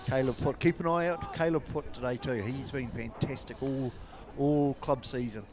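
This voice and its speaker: A man with a New Zealand accent giving dry, measured remarks as co-commentator at a live rugby match. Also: mid-range voice, steady tone. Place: outdoor rugby ground. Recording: crowd noise behind.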